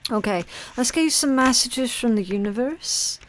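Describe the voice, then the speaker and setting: A woman's voice: a little high, animated, normal speed, slight background noise. A woman hosting an informal mystical horoscope tarot reading, speaking to the viewer in a blunt, colloquial, sweary way with frequent check-in tags. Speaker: tarot reader and channel host.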